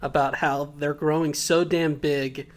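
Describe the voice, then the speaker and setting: Podcast co-host, male, slightly high voice, casual laughing recap. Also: little pitch movement, a little slow. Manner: laughing, joking recap of notes. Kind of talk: casual episode recap chat.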